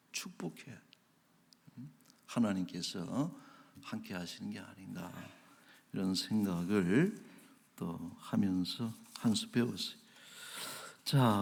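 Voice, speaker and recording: Animated Korean pastor telling a story. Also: male voice, mid-range voice, creaky. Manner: animated storytelling, acting out quoted voices, drops to whispers; laughs while telling. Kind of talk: sermon.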